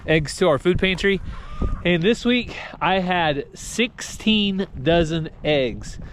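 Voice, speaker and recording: A farm vlogger with a voice on the high side and a fairly bright tone chats casually outdoors on his farm. He talks in a plain-spoken, folksy manner, and the handheld recording is noisy.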